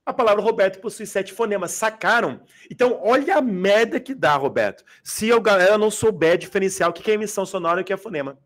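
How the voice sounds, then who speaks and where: A man's voice: sits high, quick pace, hardly any pauses, fairly bright tone. A man teaching a live grammar class for exam students, in a casual, slangy way, often asking the class to confirm they follow. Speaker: Portuguese teacher. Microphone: adjustable microphone.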